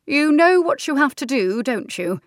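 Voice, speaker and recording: A woman doing a sensible, no-nonsense aunt in a storybook, firm and plain-spoken. She is pitched higher and louder than the narrator, in a dry and close sound. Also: very animated, moderate pace, dry recording. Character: level-headed, no-nonsense older aunt.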